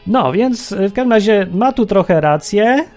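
A man's voice: high-pitched, lively intonation, moderate pace, a little mellow, soft background music. A man hosting a radio talk show, delivering an opinionated, sarcastic monologue with mocking exclamations.

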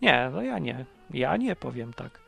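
A man's voice: mid-range voice, big pitch swings, measured pace, vocal fry, bright, forceful tone, husky, no echo, soft background music. A man hosting a casual livestream chat, ranting sarcastically and mocking ideas while taking calls. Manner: sarcastic, mocking, acts out voices.

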